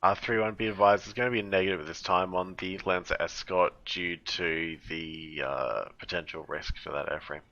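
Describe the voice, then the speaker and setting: Give me a man talking over a walkie-talkie, slightly low voice, muffled sound, brisk radio procedure. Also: fairly even intonation, bright, forceful tone. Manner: brisk radio lingo with frequent "uh" fillers. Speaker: air controller in a military sim game. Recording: muffled radio line with faint noise.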